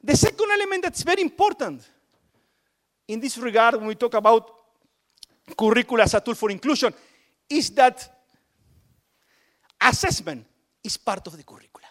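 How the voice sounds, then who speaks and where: High-voiced man talking emphatically. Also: expressive, normal speed, pauses often, a bit bright. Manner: emphatic, repeats words for stress. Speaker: education policy speaker. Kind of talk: panel talk on inclusive curricula.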